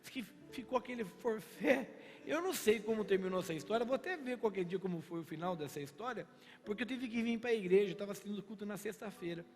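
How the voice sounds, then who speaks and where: High-voiced Brazilian pastor preaching. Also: male voice, fast talker. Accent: Brazilian Portuguese. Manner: storytelling, animated, acts out dialogue. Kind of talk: sermon. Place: church sanctuary. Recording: reverberant church hall with faint music.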